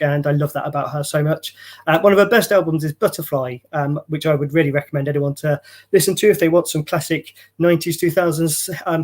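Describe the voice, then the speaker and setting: A man in his forties giving a casual self-introduction as a students' union activities coordinator, with many ums and uhs. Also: a little high. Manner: chatty, with frequent ums and uhs.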